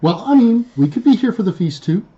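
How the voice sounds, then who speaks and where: A man's voice: high-pitched, big pitch swings, a little fast, dark tone, dull audio. A man chatting casually with fellow players during a tabletop game.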